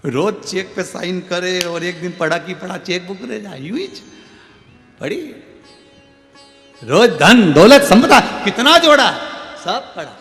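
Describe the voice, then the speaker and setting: Lively male preacher, lots of repetition, higher voice, big echoey hall w faint music. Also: unhurried, pauses often. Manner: emphatic, repeats phrases for stress. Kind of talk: live religious storytelling sermon. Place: large hall or pavilion at a live religious gathering.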